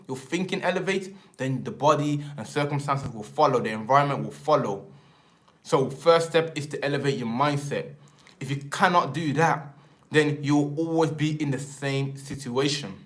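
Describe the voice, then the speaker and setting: A young Englishman with an English accent hosting a casual live stream, rambling in slang and tagging his sentences with filler words. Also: a little high. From England. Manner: rambling, slangy, repeats filler tags like "man" and "and that".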